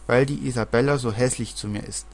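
A man reading the lines of a touchy little girl who shouts and quarrels. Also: mid-range voice, steady tone, a little fast, close to an everyday voice. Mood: indignant. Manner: indignant, loud.

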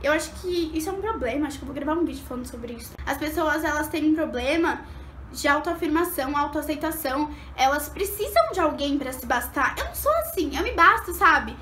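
A young woman vlogger telling a personal story in an animated way, acting out what people said. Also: a little fast, reverberant, slight background noise. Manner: animated, acts out quotes with big pitch jumps. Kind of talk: storytime vlog.

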